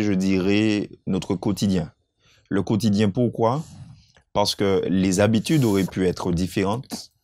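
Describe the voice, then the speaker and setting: A man thinks aloud in a Bible lesson discussion, his voice low-pitched. The sound is dry and close, and he keeps turning his points into rhetorical questions. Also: darkish tone, no room sound. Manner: reflective, asks rhetorical questions. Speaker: Bible study co-host.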